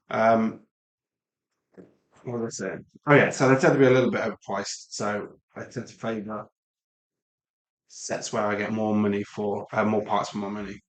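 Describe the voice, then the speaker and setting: Building Lego on a live stream, a middle-aged man from the English Midlands chats casually and wanders off into asides to viewers. His lowish voice echoes, and the recording quality is low.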